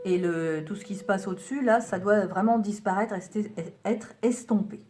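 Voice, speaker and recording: A woman's voice: mid-range voice, moderate pace. A woman piano teacher giving a patient lesson, counting beats aloud and naming notes and fingerings as she plays. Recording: piano playing loudly behind the voice.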